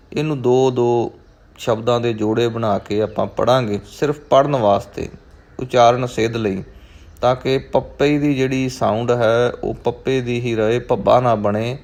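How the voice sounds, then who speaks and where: A man teaching scripture recitation, chanting each verse slowly and then patiently explaining how to pronounce it. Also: mid-range voice, a little mellow. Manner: measured, patient, repeats each word slowly for the learner. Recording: dull, muffled lo-fi sound.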